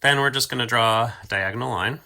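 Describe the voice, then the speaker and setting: A man hosts a homemade children's storytime and drawing video, chatting casually and thinking aloud in an offhand way. His voice is medium in pitch, brisk, and sharp in tone.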